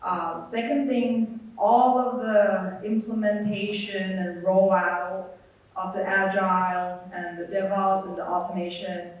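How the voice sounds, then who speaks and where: A man's voice: high-pitched, flat delivery, measured pace, dull audio. A man from Thailand answering interview questions, hesitant, often repeating words and adding fillers. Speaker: guest speaker. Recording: echoey hall, speaker far from mic.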